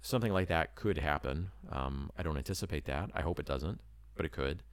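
Man, low voice, dry close sound; casual talk, rambling and earnest. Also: a little fast, no room sound. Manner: rambling, full of hedges and "you know". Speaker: missionary preparing to move abroad.

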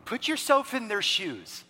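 A man preaching a sermon in a lively, conversational way, acting out bits of dialogue as he goes. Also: high-pitched, breathy edge. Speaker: pastor. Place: church hall. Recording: echoey hall with long reverb.

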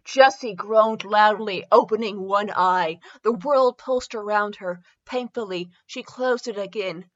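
This podcast host's voice is mid-range and her pace measured as she reads comedy fanfiction, giggling, playing up the drama, and slipping into offhand remarks. The audio is muffled.

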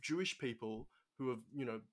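A man's voice: medium pitch, moderate pace. A young man hosting a casual chat, full of hesitations, restarts and agreeing "yeah"s. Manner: many hesitations and affirmations.

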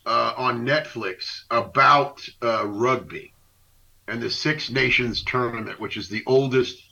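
A man co-hosting a radio show, ranting casually about sports in an animated, indignant, rambling way. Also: mid-range voice, measured pace, creaky. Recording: dull lo-fi internet radio.

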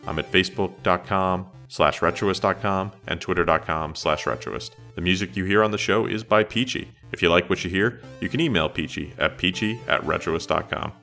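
A middle-aged man hosting a solo retro podcast in a measured, conversational, matter-of-fact way. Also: deep voice, vocal fry, sharp tone, faint music behind. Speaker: podcast host.

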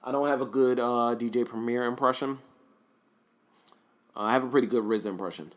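A man's voice: mid-range voice, steady tone, brisk. A man hosting a casual show where he reviews hip hop records, joking around and correcting himself as he goes. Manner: joking, self-correcting, laid-back. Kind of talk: casual opinionated commentary.

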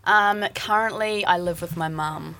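Cheeky, low-voiced New woman. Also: a little slow, fairly bright tone, slight background noise. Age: 30s. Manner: teasing, cheeky banter. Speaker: blind date guest. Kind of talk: casual chat.

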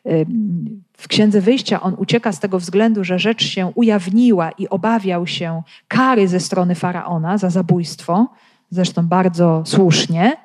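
A woman reading and explaining a Bible passage in a thoughtful, explanatory way, pausing often to find her words. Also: on the low side, a little mellow. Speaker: Bible commentator.

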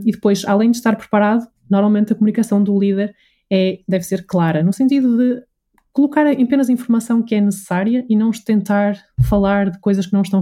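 Appearing as an interview guest, this voice and communication coach explains things conversationally and articulately, frequently laying out her points as lists. She speaks with a European Portuguese accent in a mellow, medium-pitched voice.

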